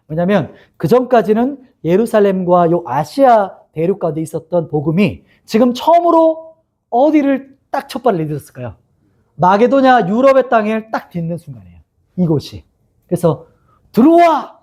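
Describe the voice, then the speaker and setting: A man's voice: high voice, fairly quick. A man preaching a sermon as pastor, reading scripture aloud, asking the congregation questions and acting out quotes. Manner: lively, asks the congregation questions and acts out quotes.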